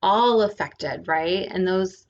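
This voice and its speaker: A woman's voice: mid-range voice, slow pace, lo-fi sound. A woman giving a casual spiritual lesson, often checking in with "right?". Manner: relaxed, often adds "right?". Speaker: spiritual teacher.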